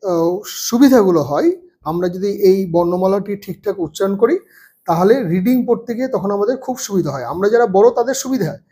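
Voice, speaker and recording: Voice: medium pitch, mellow, husky. A teacher patiently explaining a first-grade alphabet lesson, sounding out letters one by one.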